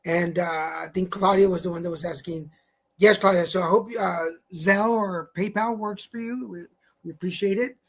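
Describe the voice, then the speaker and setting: A man with a slightly husky voice co-hosts a live online show. He talks in a loose, chatty way, stumbling over fillers as he runs through announcements. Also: high voice, steady tone, normal speed, fairly bright tone. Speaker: co-host. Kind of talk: casual live-stream chat.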